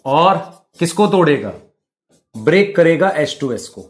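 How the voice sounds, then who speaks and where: A man's voice: fairly high pitch, sing-song, measured pace. A male biology teacher, explaining at the board and quizzing students with rhetorical questions. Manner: addresses students as beta and bhai.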